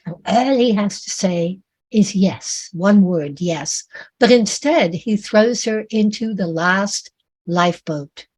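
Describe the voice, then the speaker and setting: A woman author reading her own dramatic story aloud in a measured, vivid way. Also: mid-range voice, expressive, a little mellow.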